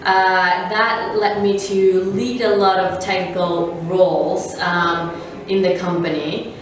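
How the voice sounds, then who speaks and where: Lady founder answering questions slowly, lots of ums, distant mic, faint hiss behind. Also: on the low side, fairly even intonation, heavy reverb. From Venezuela. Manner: thoughtful, many fillers, measured. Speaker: startup founder and CEO. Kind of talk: interview answers.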